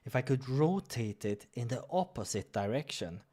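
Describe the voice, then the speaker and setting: A man with a mellow, mid-range voice reads a visual novel aloud as a let's player, speaking at a moderate pace with lots of expression. Music plays behind him, and his dramatic reading mixes in casual asides and the occasional stumble.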